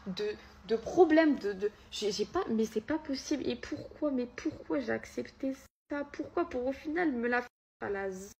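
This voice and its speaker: A woman's voice: a little high, expressive, normal speed, creaky, darkish tone, a little hiss or hum. A young woman telling her viewers an emotional story, hurt and angry as she talks. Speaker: content creator.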